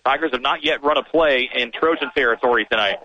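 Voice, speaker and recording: A man calls high school football on local radio, his bright, pushing voice laying out each snap in brisk, measured order. The broadcast sound is a bit dull and muffled. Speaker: play-by-play announcer. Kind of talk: radio play-by-play commentary.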